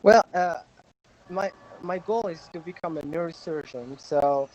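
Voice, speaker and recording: A young man from Morocco introducing himself on a livestream, hesitant with many pauses. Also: a little high, a little mellow, muffled recording. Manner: hesitant, many fillers and restarts. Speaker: livestream guest. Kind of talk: casual self-introduction.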